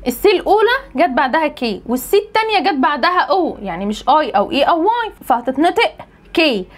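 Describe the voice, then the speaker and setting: A woman's voice: sits high, fast talker. A young woman with an Egyptian Arabic accent, an English pronunciation trainer, explaining a lesson and answering her own questions. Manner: lively teacher, asks and answers own questions.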